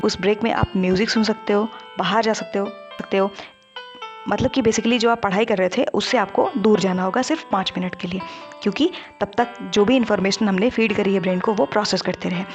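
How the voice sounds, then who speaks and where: A woman narrating an animated study-tips explainer, talking to viewers in a chatty teaching manner. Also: mid-range voice, fairly quick, dull audio, faint music behind. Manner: conversational teaching, addresses viewers directly.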